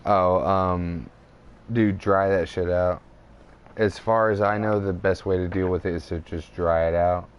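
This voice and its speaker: A male podcast host with a low voice chats casually and teases his friend, swearing freely. The sound is dull and lo-fi. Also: fairly even intonation, measured pace, smooth. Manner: teasing, swearing, laughs a lot. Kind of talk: casual chat.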